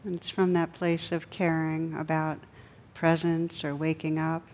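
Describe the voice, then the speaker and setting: A woman with a fairly low voice guides a group through meditation in a room, offering calm instructions in measured, soothing short phrases punctuated by pauses. Background rumble is clearly audible in the dull, lo-fi recording.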